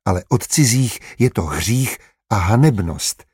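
A man voicing a calm, motherly grown woman in an audiobook. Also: lowish voice, breathy edge, no room sound, clean studio sound.

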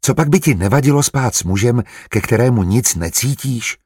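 A man voicing a kind, patient middle-aged doctor who speaks calmly and measuredly in an audiobook. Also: mid-range voice, husky, no echo, clean studio sound. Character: kind, gentle middle-aged male physician.

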